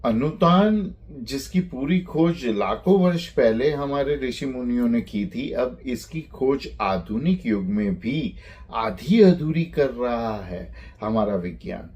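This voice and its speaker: Very slow, deliberate male teacher. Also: mid-range voice, lively intonation, a little mellow. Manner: slow, deliberate, spells out sounds one by one. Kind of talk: spoken lecture on phonetics.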